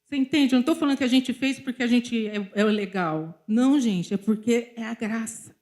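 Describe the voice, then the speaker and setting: A woman with a Brazilian Portuguese accent preaches in a somewhat high voice. She is middle-aged and tells personal stories to a church congregation, turning to speak straight to them again and again. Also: a little fast, darkish tone. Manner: storytelling, often addressing the congregation directly. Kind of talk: sermon with personal testimony.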